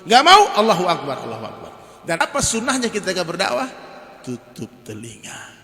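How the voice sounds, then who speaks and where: A man preacher giving a lively, joking sermon full of stories, often turning to his listeners. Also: high-pitched, fast. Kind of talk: humorous sermon with storytelling. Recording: reverberant hall.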